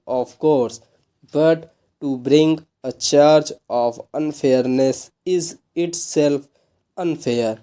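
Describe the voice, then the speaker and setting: A man reading slow dictation for shorthand practice, measured and broken into short phrases with pauses between them. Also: a little high, dark tone.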